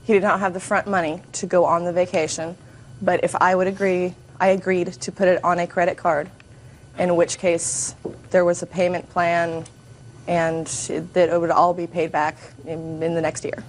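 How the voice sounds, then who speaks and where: A woman's voice: on the low side, level tone, normal speed, a little hiss or hum, low-quality recording. A woman in her twenties testifying as a plaintiff in a TV courtroom, restrained, deferential and careful with her words. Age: 20s.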